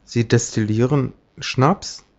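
A man voicing a timid, dignified professor who speaks formally and haltingly, in a dull lo-fi audiobook recording. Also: mid-range voice, a little mellow. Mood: hesitant.

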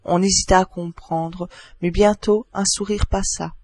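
A man narrating a literary audiobook in a measured, expressive storytelling manner. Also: sits high, dry recording.

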